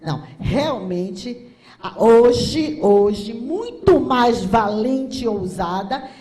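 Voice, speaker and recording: An older Brazilian woman in her sixties gives a conference lecture, speaking with a Brazilian Portuguese accent and a fairly high yet mellow voice. She talks in an impassioned, rhetorical way and leans hard on emphasis. The sound echoes around a large hall. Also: animated, very slow, soft background music. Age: 60s. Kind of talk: conference talk.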